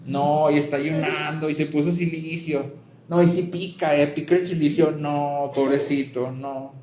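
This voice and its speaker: Soft-hearted pitying God, put on by a male preacher, hushed and mocking, echoey hall. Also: a little high, steady tone, a little slow, lightly acted. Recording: roomy hall with faint ambience.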